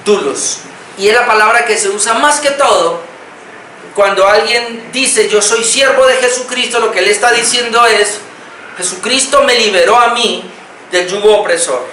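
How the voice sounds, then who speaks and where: A man's voice: sits high, normal speed, bright, forceful tone. A man with a Colombian accent, a pastor preaching a sermon and explaining each point by repeating key phrases. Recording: roomy, distant mic, faint noise.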